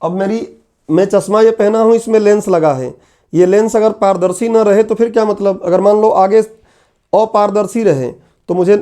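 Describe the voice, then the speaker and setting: A man's voice: high-pitched, fairly even intonation, moderate pace, warm tone. A man giving an exam-prep lecture, repeating key terms and putting questions to his students. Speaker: teacher. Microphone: laptop on online class.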